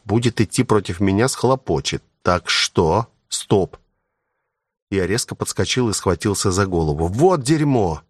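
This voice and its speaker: A man narrating a first-person audiobook in a wry, expressive storytelling manner. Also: lowish voice, dry recording, clean studio sound.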